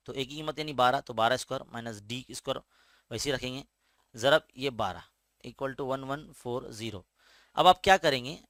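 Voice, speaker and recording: A maths teacher with a sharp-toned, medium-pitched voice and an Indian Urdu-medium accent guides students through a school lesson step by step. Often asking "है ना?", he checks in patiently as he goes, recorded in clean studio sound with no echo.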